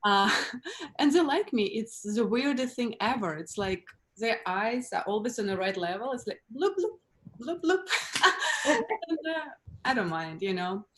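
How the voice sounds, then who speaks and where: A woman from Russia with a Russian accent, doing a stand-up set over a video call in a deadpan, blunt way, laughing at her own jokes. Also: fairly high pitch, unhurried, slight background noise. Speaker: stand-up comedian.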